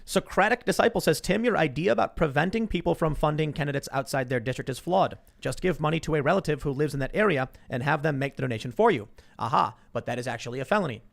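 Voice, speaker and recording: A man hosting a live talk show, briskly reading viewer messages aloud and responding. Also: on the high side, gravelly. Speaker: host.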